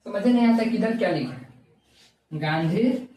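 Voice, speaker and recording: A man's voice: high-pitched, animated, measured pace, warm tone, roomy sound. Man, classroom lecture, repeats questions and answers, distant mic, faint noise. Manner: drills facts by asking and answering his own questions. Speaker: history teacher. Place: classroom with a whiteboard.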